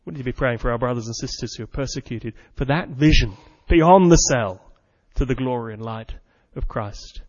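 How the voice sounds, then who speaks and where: A man's voice: mid-range voice, normal speed, few pauses, darkish tone. A man preaching a sermon with earnest, dramatic storytelling. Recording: muffled sound with long hall reverb.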